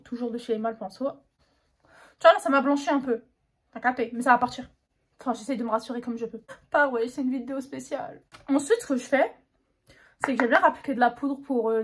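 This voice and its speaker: A woman's voice: a little high, steady tone, brisk, slightly rough. A young woman chatting casually through a makeup tutorial, slangy and self-mocking. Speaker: beauty vlogger.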